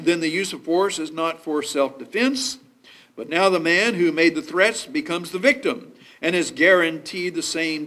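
A man preaching a sermon at a pulpit microphone, explaining scripture point by point in a measured way. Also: high-pitched, a bit bright.

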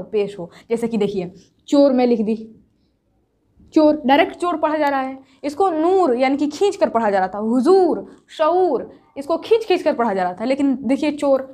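High-voiced woman teaching a grammar lesson. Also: a little mellow. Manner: asks questions and answers them herself; repeats example words, drawing them out. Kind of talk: grammar lesson explained to students.

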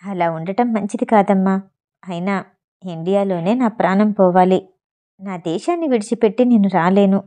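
A woman reading the part of a gentle, loving older father in a storybook. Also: medium pitch, moderate pace, pitched below the performer's own voice, natural voice. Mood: tender.

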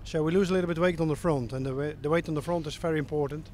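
A man in his forties with a Dutch accent gives an informal interview in halting English. His voice sits a little high, recorded on a handheld mic outdoors with faint noise behind. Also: fairly even intonation, darkish tone. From Netherlands. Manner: halting non-native English. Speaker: tractor pulling team member being interviewed. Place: outdoors at a pulling event. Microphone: handheld interview microphone.

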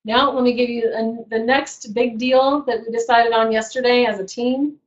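A woman with a fairly high voice pitches a membership to a roomful of people, repeating herself with gusto. She keeps clearing her throat as her voice wears thin. The recording is muffled and lo-fi. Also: fairly even intonation, normal speed. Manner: enthusiastic, repetitive, pitching. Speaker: host of a women's business group. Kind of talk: sales pitch and closing prayer to an audience. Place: event room with a live audience.

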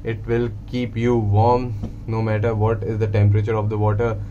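A young man talks through a casual guided tour on his handheld phone, explaining each part in a plain, matter-of-fact way. His voice sits low, and the dull, muffled recording carries a steady hum from machinery behind him. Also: normal speed. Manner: explains plainly, mixing Hindi and English. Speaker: merchant navy officer vlogger. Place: inside a ship's lifeboat.

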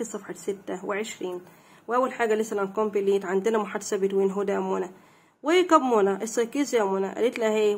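A young woman with an Egyptian Arabic accent gives an English lesson at a medium pitch. She reads each English line slowly and clearly, then translates and explains it, posing questions she answers herself.

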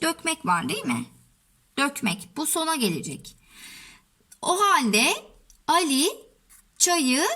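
A woman's voice: high-pitched, a bit bright. A woman teacher taking young children through a workbook exercise, patient, stressing each word one at a time. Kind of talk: first-grade lesson explaining a workbook.

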